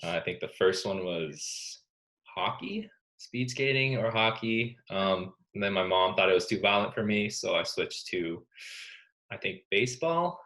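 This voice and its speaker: A young man from Canada, a student athlete, answering interview questions in a relaxed, soft-spoken way with many ums. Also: lowish voice, a little slow, poor audio. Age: young adult.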